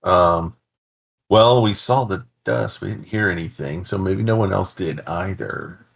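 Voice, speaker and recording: Gravelly low-voiced man at a game table. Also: a little slow. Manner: hesitant, asks many questions. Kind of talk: casual tabletop game chat.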